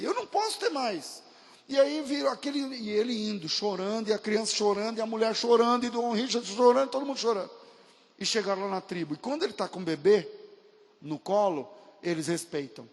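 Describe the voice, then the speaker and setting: Animated preaching man in echoey hall. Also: gravelly. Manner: animated storyteller acting out dialogue, pitch rising when emotional. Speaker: pastor. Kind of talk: sermon storytelling.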